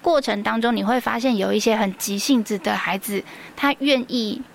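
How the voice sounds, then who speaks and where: A woman's voice: a little high, moderate pace, vocal fry, a little hiss or hum. A woman with a Taiwanese Mandarin accent, a preschool teacher guest on a radio interview, telling stories earnestly with many fillers.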